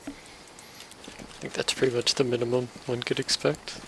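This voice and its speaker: A man's voice: medium pitch, flat delivery, measured pace, creaky, noisy background. A man giving casual commentary while playing a video game, with dry, wry asides. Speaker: let's play host. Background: game music and sounds.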